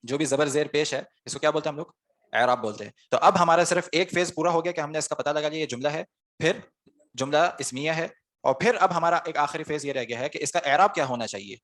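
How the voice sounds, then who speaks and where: Male online class teacher, slightly high-pitched, patient step-by-step grammar explanation, keeps quizzing the students. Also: fairly bright tone. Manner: explains step by step, asks students questions and answers them himself.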